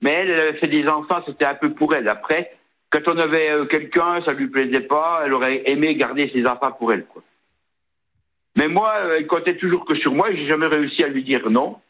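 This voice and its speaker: On a tinny phone line, a radio show caller in his sixties with a regional Vosges French accent speaks a little fast in a higher-than-average voice. He's from the Vosges, France, and stumbles along hesitantly, filling gaps and starting over often.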